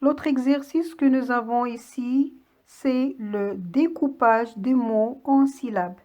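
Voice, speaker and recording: A woman teaching a children's reading lesson in a slow, deliberate voice. She sits a little high in pitch and lays out each word patiently, breaking it into syllables for young pupils. It sounds like a voice-over. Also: dark tone, highs cut off. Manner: patient, clearly spelled-out words for young children. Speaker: primary school teacher. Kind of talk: slow classroom lesson read-aloud.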